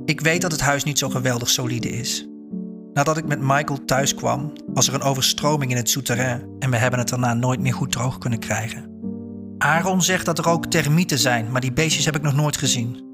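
A man voicing a sharp proud old woman. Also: steady tone, brisk, music in the background, lightly acted. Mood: reminiscing. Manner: curt, shrill when angry.

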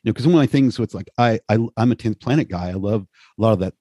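Deep husky-voiced man in his fifties. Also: quick pace, mellow, no room sound, clean studio sound. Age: 50s. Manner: enthusiastic, peppers talk with "man" and "right?". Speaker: podcast host. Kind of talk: casual conversation.

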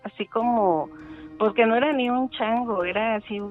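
A middle-aged woman, calling in to tell a ghost story in a halting way with many fillers, over a phone line. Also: fairly high pitch, soft background music. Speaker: caller telling a ghost story.

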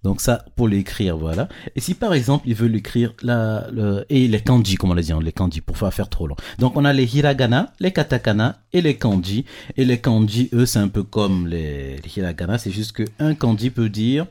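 Low-voiced man teaching children patiently. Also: animated, normal speed, hardly any pauses, dark tone. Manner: patient, checks understanding with frequent questions. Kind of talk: casual classroom explanation to children. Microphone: handheld microphone.

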